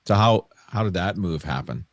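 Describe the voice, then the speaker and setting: Deep-voiced male interviewer, dry sound. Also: normal speed, no echo, lo-fi sound. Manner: brief agreeable interjections, relaxed questions. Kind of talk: casual interview chat.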